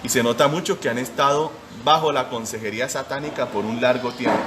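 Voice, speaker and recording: A man's voice: mid-range voice, steady tone, fairly quick, a bit bright, a little hiss or hum. A man in his forties preaching a short sermon as pastor, emphatic and firing rhetorical questions at his listeners. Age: 40s.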